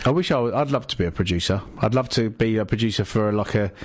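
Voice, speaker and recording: A man's voice: on the low side, quick pace, no echo. A man hosting a casual radio show, rambling and joking in stop-start banter with his co-host.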